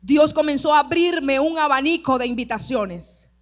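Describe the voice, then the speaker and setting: A woman pastor preaching her testimony at a church service, passionate, moving between loud declarations and soft, tearful recollection. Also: high-pitched, lively intonation, normal speed. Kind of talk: sermon testimony.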